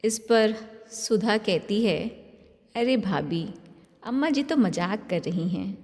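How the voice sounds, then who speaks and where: A woman narrating a family story at an unhurried pace, changing her tone for each family member's quoted lines. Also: mid-range voice, lively intonation, darkish tone, in a large hall. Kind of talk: scripted narration.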